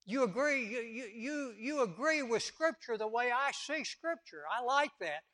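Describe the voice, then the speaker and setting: A high-pitched, bright-toned male preacher delivering an impassioned sermon. He repeats words for emphasis and acts out the quotes he tells. His voice sounds sharp and forceful. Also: expressive, moderate pace.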